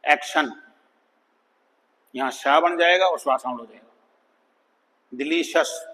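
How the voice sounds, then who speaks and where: Man teaching phonics, fairly high voice, very slow drawn-out word drills, long reverb. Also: bright, forceful tone. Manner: slow, drawn-out demonstration of words, calls students "bhai". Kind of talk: classroom phonics lesson.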